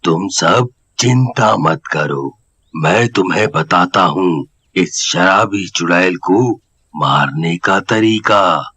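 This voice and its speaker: A man voicing a calm, wise old male holy man in an animated horror story, speaking slowly and gravely. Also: low voice, heavily acted. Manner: slow, grave, deliberate.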